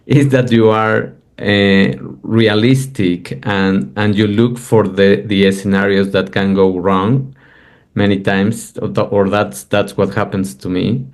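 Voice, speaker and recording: Slow, low-voiced thoughtful man. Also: steady tone. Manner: thoughtful, hesitant, many fillers. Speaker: podcast guest. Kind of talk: casual conversation.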